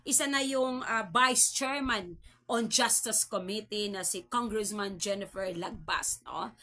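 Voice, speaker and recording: A woman's voice: medium pitch, unhurried, sharp tone. A woman from the Philippines giving casual political commentary on her vlog, chatty, with constant tag questions and mocking laughs. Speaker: vlog host.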